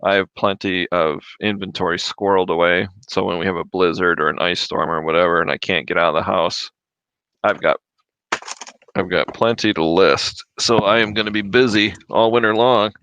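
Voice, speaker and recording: A man from Michigan hosts a casual livestream at home, reading out viewer comments and chatting through their questions. His voice sits low but has a bright, forceful edge. The desk mic gives a dry, close sound. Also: fairly even intonation, normal speed, smooth, dry recording, lo-fi sound. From Michigan, USA. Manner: chatty, reads viewer comments aloud, chews while talking. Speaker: livestream host answering reseller questions. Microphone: desk microphone. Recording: dry close mic, drops off when mic moved away.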